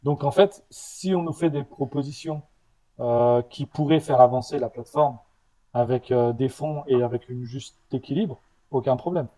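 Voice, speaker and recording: Man, founder guest, warm mellow tone, slight stutter, halting restarts. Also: mid-range voice, poor audio. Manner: halting, with restarts and repeated words. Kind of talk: casual interview answers.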